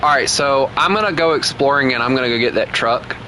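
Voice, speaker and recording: Talking fast in a medium-pitched voice, a Southern US man streams a truck game and keeps up a relaxed, chatty commentary for his viewers. The recording is rough, with a little hiss or hum.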